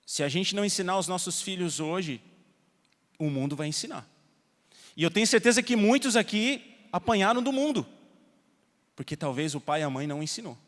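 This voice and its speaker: A Brazilian man preaching a sermon as pastor, telling stories with soft asides and loud emphasis. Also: high-pitched, lively intonation, fairly quick, long pauses. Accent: Brazilian Portuguese. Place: church hall. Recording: long reverb of a church hall.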